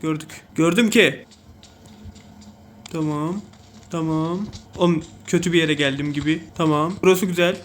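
A young man with a Turkish accent giving excitable, self-mocking commentary over mobile game play. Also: fairly high pitch, a little slow, long pauses, background noise. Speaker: gaming YouTuber.

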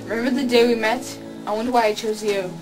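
A woman's voice: a little high, steady tone, quick pace, music in the background, close to an everyday voice. A young woman playing a dry, blunt, unimpressed partner in an amateur comedy skit. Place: carpeted basement room at home.

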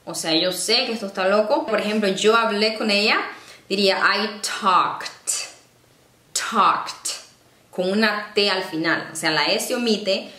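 A woman presenting a casual teaching vlog, patiently explaining and slowing down to sound out example words. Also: medium pitch, a bit bright. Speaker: online English-learning presenter. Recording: echoey room.

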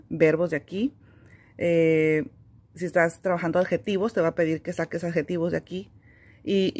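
A woman explaining how a children's reading curriculum works, in a relaxed, conversational teaching manner with frequent fillers. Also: fairly low pitch. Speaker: homeschooling teacher.

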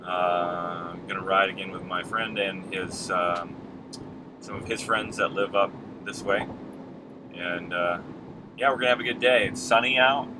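A mountain bike vlogger in his thirties chats casually to a dashboard-mounted camera while driving, relaxed and rambling with lots of ums. His voice is deep and measured, and the car cabin is filled with road, engine and air-conditioning noise.

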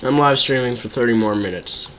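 Male streamer, medium pitch, casual running commentary to chat, faint typing underneath. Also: brisk, a bit bright, slight background noise. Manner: chatty, talks to viewers between game reactions. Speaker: live streamer.

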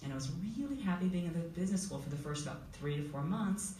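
Lively low-voiced woman panelist, echoey hall. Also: quick pace. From Uganda. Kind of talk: personal story at a panel. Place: school hall with audience. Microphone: table mic heard from far camera. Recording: echoey hall from far off, faint noise.

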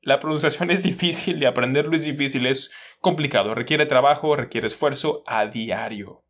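A man's voice: medium pitch, moderate pace, a bit bright. Chatty man explaining languages. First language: Spanish. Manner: chatty, explaining with examples and asides. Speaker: language teacher and vlogger. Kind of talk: casual talk to camera.

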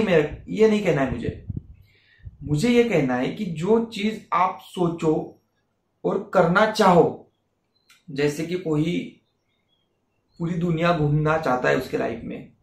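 Man, somewhat high voice with gravelly fry, earnest motivational talk, roomy echo. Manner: earnest, explaining with repeated examples. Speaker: self-help YouTuber.

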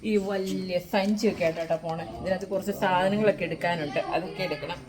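A woman vlogging casually about her day at home, talking to the camera and cooing at her pets in high baby talk. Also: fairly even intonation, fast talker, a crowd in the background. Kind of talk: casual vlog narration.

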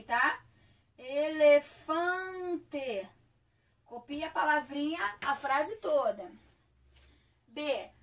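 A woman's voice: high-pitched, a bit bright, far from the mic. A woman teaching a primary school class, reading workbook exercises aloud and stretching out words for young children. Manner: slow, drawn-out words for young children, checking "tá?".

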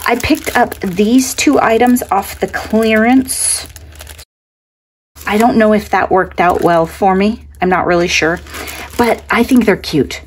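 A woman's voice: mid-range voice, a little slow. Middle-aged woman, craft vlogger, casual enthusiastic haul chat at a tabletop, faint room noise behind. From Oregon, US. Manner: chatty and enthusiastic, exclaiming over items. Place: indoors at a table, hands-only overhead camera.

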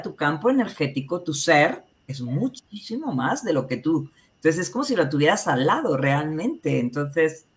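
A woman hosting the talk, explaining ideas in a measured, teacherly way and linking each step with connecting words. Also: sits low. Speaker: host and teacher of a healing method. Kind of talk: calm explanation.

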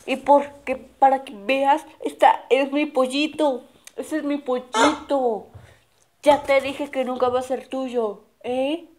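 A woman voicing a bossy, possessive young kid in a homemade cartoon, shouting insistently. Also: high voice, steady tone, takes it slowly, voice pushed up. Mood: defiant.

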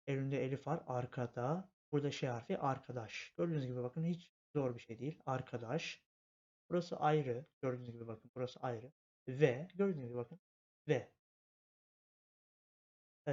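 A man's voice: mid-range voice, mellow. A man teaching a language lesson, spelling out letters patiently step by step and repeating himself often. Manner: patient, repetitive, step-by-step explanation. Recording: dull lo-fi home recording.

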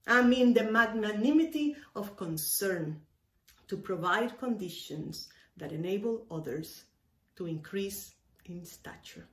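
This sermon comes from a Cuban-born woman minister whose mid-range voice is a bit bright. In a room with bookshelves she talks to camera emphatically, choosing her words deliberately and repeating them for weight, while the room gives the audio an echoey quality.

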